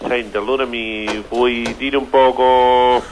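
A man's voice: medium pitch, flat delivery, slow, slight background noise. A man in his fifties with a Neapolitan accent, chatting casually as a caller. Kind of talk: casual chat.

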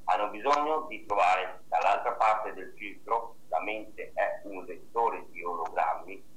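A man phones in on speakerphone, so his voice comes through distant and echoey. His voice is lowish but bright and forceful. He lectures earnestly and keeps tripping over repeated syllables. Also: unhurried, slight background noise. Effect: on speakerphone, sounding distant. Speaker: radio call-in caller; works with young people. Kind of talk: opinionated call-in talk.

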